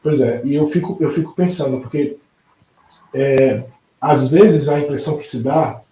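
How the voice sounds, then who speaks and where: A man hosting an interview, speaking reflectively with halting restarts. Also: mid-range voice, mellow. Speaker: interview host. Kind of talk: conversational interview. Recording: roomy, dull lo-fi sound.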